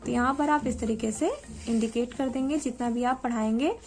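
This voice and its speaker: Young woman, teacher trainee, high-pitched, creaky voice, explanatory tutorial, slow careful reading of quoted lines. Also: a little mellow, soft background music. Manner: explanatory, addresses viewers directly; reads quoted English lines slowly and deliberately. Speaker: teacher-training student explaining a lesson plan. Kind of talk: spoken tutorial walkthrough.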